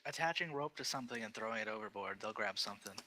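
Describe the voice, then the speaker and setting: A man's voice: fairly low pitch, animated, fast, bright, forceful tone. A man playing a tabletop game, hesitant and searching for words. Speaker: player. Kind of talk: casual tabletop play.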